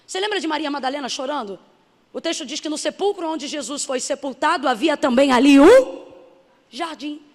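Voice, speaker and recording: A woman missionary preaching a sermon with emphasis, building to shouts. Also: high voice, fairly quick. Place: church hall. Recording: hall reverb.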